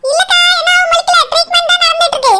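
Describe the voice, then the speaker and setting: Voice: extremely high pitch, steady tone, racing, noisy background. A voice actor playing a nervous young man, the owner's younger brother, giving flustered replies in a Kanyakumari Tamil accent in a cartoon. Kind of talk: cartoon voice acting.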